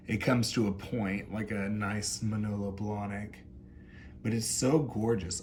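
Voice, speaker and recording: A man with a fairly low voice gives an effusive, campy drag-queen style review. He speaks at a very unhurried pace, gushing over details as he goes. There is faint noise behind his voice. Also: a little mellow. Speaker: doll review host. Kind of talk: unscripted product review commentary.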